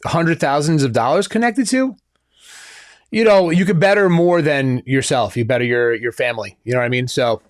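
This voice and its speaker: A man's voice: a little high, normal speed, no room sound, studio quality. A man co-hosting a casual podcast, talking loosely with lots of fillers and restarts. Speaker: podcast co-host.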